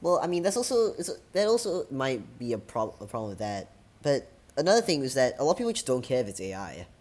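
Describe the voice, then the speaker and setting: A man's voice: mid-range voice, very animated, fast, darkish tone. A young man hosting a casual podcast, rambling and poking fun at himself. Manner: rambling, self-mocking, talks over bits. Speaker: podcast host.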